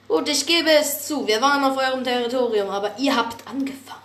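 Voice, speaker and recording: A woman voicing an aggressive, hot-tempered male warrior cat leader who shouts his lines, in a spoken story. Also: high voice, brisk, echoey room, voice pushed up. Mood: furious.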